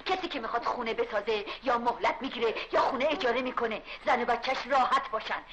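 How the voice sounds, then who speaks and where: A high, bright voice brings out an older mother who exclaims and scolds her daughter, as an actress plays her. Light hiss lies under the old film soundtrack. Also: muffled recording, lightly acted. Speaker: mother of the wife. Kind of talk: 1970s film acting.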